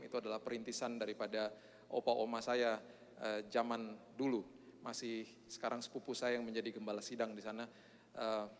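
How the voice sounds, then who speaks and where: A male pastor with a mid-range voice delivers a sermon with prayer in a church hall, joking at his own expense and dropping in frequent "eh" fillers. The recording has a long church hall reverb and a little hiss or hum.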